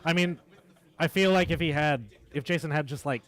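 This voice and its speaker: A man commentating a tabletop wargame stream in a relaxed, chatty, analytical way. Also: on the high side, a little fast. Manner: chatty, analytical, laughs easily. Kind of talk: casual live game commentary.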